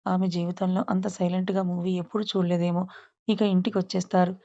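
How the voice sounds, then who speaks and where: A woman storyteller narrating a family drama in a plain, steady manner. Her voice is mellow with little pitch movement. The recording is slightly dull and lo-fi. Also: fast.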